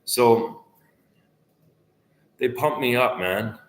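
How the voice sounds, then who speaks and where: A man's voice: medium pitch, drawn-out words. A man in his twenties talking to the camera in a rambling, profane monologue that often trails off mid-thought. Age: 20s. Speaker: vlogger. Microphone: camera facing speaker. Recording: echoey room.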